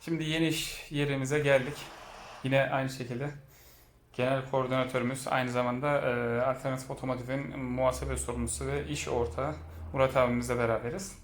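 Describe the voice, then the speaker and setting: A man's voice: mid-range voice, flat delivery, a little fast, a little hiss or hum. A man hosting a casual vlog tour and interview in a car repair workshop, talking with frequent hesitation fillers. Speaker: host touring a car repair shop.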